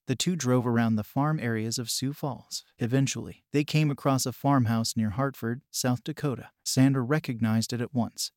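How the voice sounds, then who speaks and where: A man's voice: medium pitch, darkish tone, no room sound. Male true crime narrator, dry close sound.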